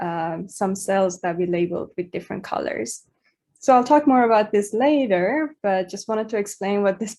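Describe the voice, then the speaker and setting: A woman's voice: mid-range voice, darkish tone. A woman, giving a talk to students in a hesitant way, with many fillers and small laughs. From Iran. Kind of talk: presentation to students.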